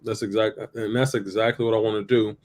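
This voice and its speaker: A man's voice: on the low side, little pitch movement, brisk, a little mellow. Easygoing man talking through ideas. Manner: loose, repeats himself, lots of "like" and "right?". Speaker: podcast co-host. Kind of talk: casual chat.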